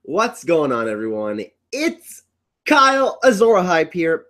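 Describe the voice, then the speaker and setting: Hosting a casual livestream from home indoors, a congested young man with a cough greets his chat in an upbeat, rambling way. His voice is on the high side and fairly bright, swooping wildly in pitch, and he talks a little slowly.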